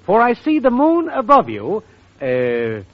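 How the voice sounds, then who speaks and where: Brash wisecracking schemer, husky, lively high voice, muffled old broadcast. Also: male voice, unhurried, heavy background noise, full character voice. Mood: scheming. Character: fast-talking male songwriting schemer. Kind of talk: 1940s radio comedy acting. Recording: dull lo-fi old radio recording.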